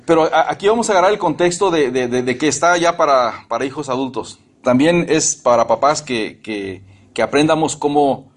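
A middle-aged man preaching a sermon in a church, emphatic and often repeating or restarting his phrases. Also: medium pitch.

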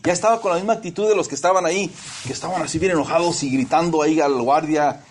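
A man's voice: a little high, fast talker, slightly rough. A man preaching a sermon, telling personal stories, calling listeners brothers and slipping English words into his talk.

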